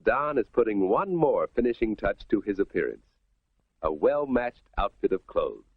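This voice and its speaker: A man's voice: on the low side, sing-song, moderate pace, slightly rough, no room sound, phone-quality sound. An American man narrating a 1950s instructional film from a script, folksy and instructive, on a vintage soundtrack. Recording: thin, band-limited vintage film soundtrack.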